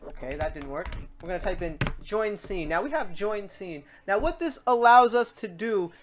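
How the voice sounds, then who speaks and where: An informal tutorial host with a middling pitch takes viewers through software one step at a time, at a moderate pace. The animated, slangy delivery often slides into acted-out learner questions and exclamations, and a little hiss or hum sits under the recording.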